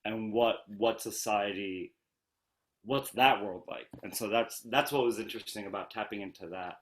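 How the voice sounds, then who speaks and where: A male cast member on a video call, speaking earnestly and restarting phrases in a casual panel. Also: fairly low pitch.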